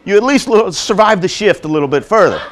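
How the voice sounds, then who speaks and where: A man giving a lively, joking motivational talk to nursing assistants, acting out quotes as he goes. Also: high voice, quick pace, slight background noise. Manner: animated, joking, acts out quotes. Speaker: motivational speaker. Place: college hall before an audience.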